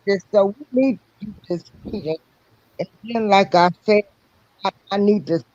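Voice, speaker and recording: A woman calling in on a choppy, glitchy line that breaks up every other word, talking haltingly with many restarts. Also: medium pitch, a little mellow, no echo. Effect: choppy, glitchy call audio that breaks up every other word. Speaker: caller joining a livestream. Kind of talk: casual call chat. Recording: dull lo-fi call line from far off.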